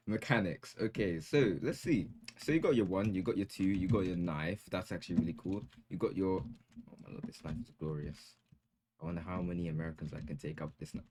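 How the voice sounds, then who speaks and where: Young man, lowish voice, hyped slangy gameplay commentary for his channel. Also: brisk, darkish tone, slight background noise. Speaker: gaming YouTuber.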